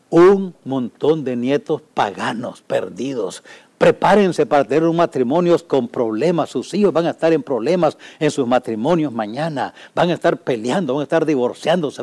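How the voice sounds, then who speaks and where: A man preaching a sermon as a pastor, swinging from loud pleading to hushed warnings. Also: medium pitch.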